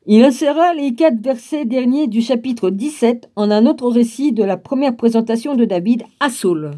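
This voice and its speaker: A woman's voice: on the high side, expressive, moderate pace, dark tone. A woman reading a book aloud, stopping for wry asides and spelling out names. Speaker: reader of a book.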